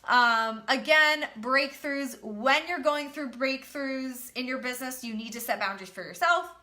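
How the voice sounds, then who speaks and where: A woman business coach with a high, bright voice gives a casual motivational talk at an unhurried pace. Her tone is forceful and emphatic, and she repeats her key phrases. A cold leaves her sounding slightly nasal and congested.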